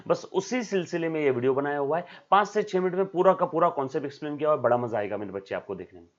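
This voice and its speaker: A man's voice: a little high, dull audio. A man teaching accounting in a recorded video lecture, switching between Hindi and English terms, calling his students "my child" and checking in with "yes or no?". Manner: calls students "beta" and "my child", asks "yes or no?".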